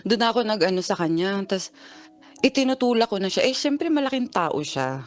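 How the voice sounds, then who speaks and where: Animated woman caller telling a story. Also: medium pitch, moderate pace, soft background music. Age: 30s. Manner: animated storytelling, acting out both sides of an argument. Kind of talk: phone-in confession.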